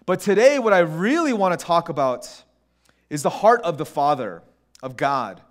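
Male preacher, conversational sermon delivery, high and expressive voice. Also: moderate pace. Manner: animated, conversational preaching with restarts and acted asides. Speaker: pastor.

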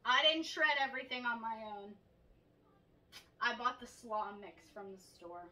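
Chatty mom host cooking in her kitchen, high bright voice, echoey room, mic sits back across the counter. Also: lively intonation, a little slow, recorded from a distance. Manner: chatty, upbeat, talks through each step. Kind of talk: casual cooking demonstration. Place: home kitchen, indoors. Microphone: camera across the kitchen counter.

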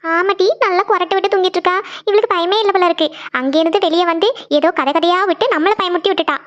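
A woman voicing scared young girls and their scolding older sister in a cartoon, speaking fast and whiny. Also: very high voice, fairly even intonation. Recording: dull lo-fi sound.

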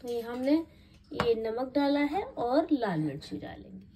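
Lady cooking vlogger, high voice, chatty step by step, noisy kitchen phone recording. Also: big pitch swings, unhurried. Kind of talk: home cooking demonstration. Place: home kitchen.

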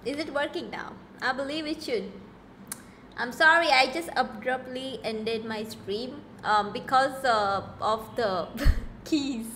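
A woman's voice: sits high, slow pace, a bit bright, slight background noise. A woman streaming a game live, chatting casually and giggling with her viewers.

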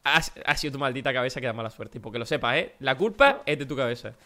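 A young man from chatting excitedly and joking while playing Minecraft with a friend. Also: medium pitch, fast talker. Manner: excitable, joking, shouts during jumps. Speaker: gaming channel host. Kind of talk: excited Minecraft let's play chat.

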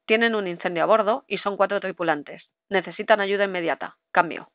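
A woman's voice: mid-range voice, brisk, dry recording. A woman instructor reciting formal marine radio calls in set procedure wording. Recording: dull lo-fi recording.

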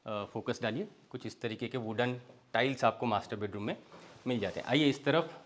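Walking from room to room inside a large villa, a young man from India shows off the bedrooms in a property tour. He speaks a bit fast in a mid-range voice, using relaxed sales talk that blends Hindi with phrases and invites the viewer to follow.

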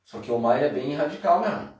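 A man's voice: fairly high pitch, expressive, quick pace, a little mellow. A man giving a casual, slangy, jokey Japanese lesson on a live stream. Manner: chatty, slangy, jokey explanations. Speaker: Japanese teacher. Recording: very echoey room, distant mic.

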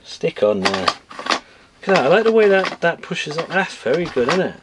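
A man's voice: a little high, big pitch swings, normal speed. Man bantering over a toy unboxing. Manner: bossy, teasing banter. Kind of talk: casual unboxing chat. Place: indoors at a table. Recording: noisy home camera recording.

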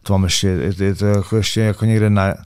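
A man's voice: fairly low pitch, fairly even intonation, a little mellow, clean tone, no echo. A man in his thirties from Czechia, a fighter answering interview questions casually, often stumbling and repeating his words. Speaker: MMA fighter, guest.

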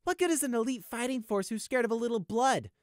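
A man voicing a bitter, bloodthirsty young male sheep in an audiobook, talking with shrill, spitting contempt. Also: little pitch movement, slow pace, sharp tone, no room sound, studio quality, exaggerated voice. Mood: cold scorn.

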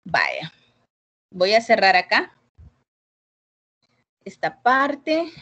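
This woman's mid-range voice swoops wildly in pitch, moving very slowly with a bright, forceful tone. Teaching English over a video call, she casually explains grading, chatting with many fillers and checking in with her students through her computer mic.

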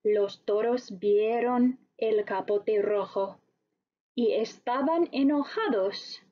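A woman teacher narrating a story slowly and expressively for language learners. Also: mid-range voice, dull audio. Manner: very slow, deliberate, expressive storytelling.

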